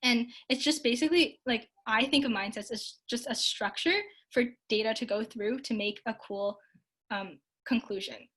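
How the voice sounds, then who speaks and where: A woman's voice: a little high, moderate pace, fairly bright tone, slightly rough. A young woman from Canada giving a casual online talk and answering audience questions, her speech full of likes and ums. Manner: frequent likes and ums, upbeat and earnest.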